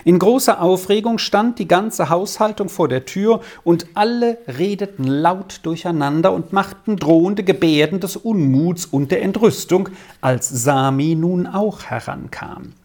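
A reader narrating a German storybook in an expressive, melodic storytelling manner. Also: mid-range voice, measured pace. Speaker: audiobook reader.

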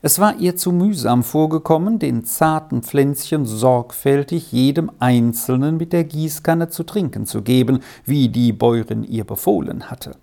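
Low, mellow female storyteller. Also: normal speed, gravelly, few pauses. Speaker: narrator. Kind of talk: storybook reading.

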